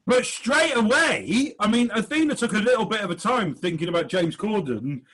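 A man's voice: high-pitched, expressive, normal speed, a bit bright, slightly rough, poor audio. A man hosting a comedy quiz over a video call, jokey and hesitant with many fillers. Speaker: quiz host. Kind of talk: online comedy panel show hosting.

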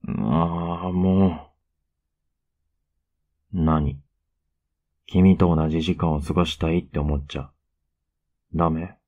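A man playing a tender, teasing, clingy younger boyfriend in an ASMR role-play, murmuring softly and intimately. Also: sits low, fairly even intonation, takes it slowly, pauses often, dull audio, exaggerated voice. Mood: pouty, affectionate. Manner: soft, intimate, coaxing murmur.

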